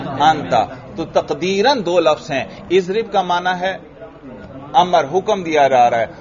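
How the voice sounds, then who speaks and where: Male teacher from Pakistan, Pakistani Urdu accent, slightly high voice, questions his class as he lectures, dull lo-fi recording. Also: a little mellow. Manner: asks the class questions and repeats answers.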